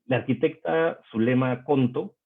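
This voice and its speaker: A man moderates a panel and introduces the speakers in a measured way, with many hesitant fillers, heard over an online video call. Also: mid-range voice. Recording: tinny phone-like online call audio.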